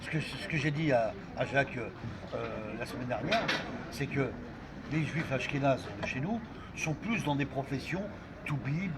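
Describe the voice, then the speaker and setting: Insistent man over loud street noise. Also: medium pitch, unhurried. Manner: insistent, holding the floor. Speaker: discussion participant. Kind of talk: casual group debate. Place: outdoor café by a street.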